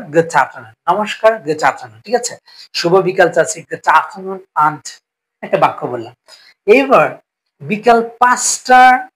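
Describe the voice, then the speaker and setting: A man's voice: fairly high pitch, fairly bright tone, rough recording. A man teaching a spoken English lesson, explaining patiently and repeating each phrase with frequent check-ins. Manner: explains slowly, repeats phrases, often asks "ঠিক আছে?".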